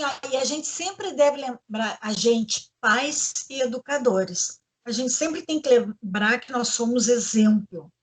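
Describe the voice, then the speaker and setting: Woman host, high voice, earnest teaching tone, panel talk. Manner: earnest, instructive, addresses the audience directly. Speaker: host, educational psychologist. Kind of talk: panel discussion on parenting.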